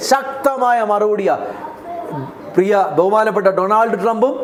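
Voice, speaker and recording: A man's voice: high-pitched, roomy sound, slight background noise. A man with a Malayali accent preaching a sermon as pastor, asking the congregation rhetorical questions and repeating key phrases. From India. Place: church hall.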